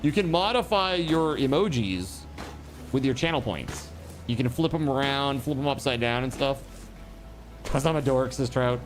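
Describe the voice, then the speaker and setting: A man livestreaming and chatting casually with viewers, giving shout-outs in an excitable, hyped way with repeated words and exclamations. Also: mid-range voice, normal speed, faint music behind. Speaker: live game streamer.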